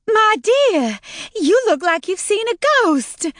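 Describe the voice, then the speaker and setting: A woman's voice: high-pitched, unhurried, no room sound, clean studio sound, voice pushed up. A woman narrator voicing a flustered female nursing home supervisor who hollers and sounds weary. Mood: alarmed.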